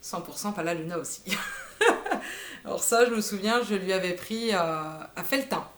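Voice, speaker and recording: A woman's voice: medium pitch, expressive, moderate pace. A woman in her thirties chatting casually about her knitting projects, hesitant and full of fillers. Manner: hesitant, lots of "euh" fillers. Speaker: knitting vlogger. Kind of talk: casual show-and-tell chat. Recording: echoey room.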